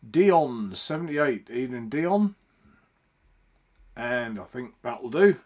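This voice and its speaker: Streaming live from his home, a man rambles loosely in casual chat, greeting viewers by name one by one. His slow-paced, slightly mellow voice is expressive, with pitch that rises and falls a lot.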